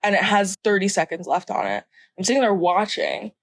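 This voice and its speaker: A woman's voice: mid-range voice, expressive, brisk, no room sound. A young woman co-hosting a podcast, ranting in a heated, profane, casual way about things she hates. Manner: ranting, heated and profane, laughing at her own story. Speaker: podcast co-host. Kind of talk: casual chat.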